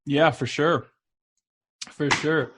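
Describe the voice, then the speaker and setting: A man's voice: a little high, steady tone, takes it slowly, background noise. A man hosting a podcast, chatting casually and encouraging his guest with short replies. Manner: brief encouraging backchannels. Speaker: podcast host. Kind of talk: casual interview chat.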